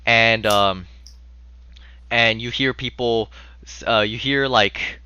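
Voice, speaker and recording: A man improvising tabletop game narration as game master, casual, halting and sweary. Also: mid-range voice, steady tone, pushed and bright, smooth, no room sound, dull audio.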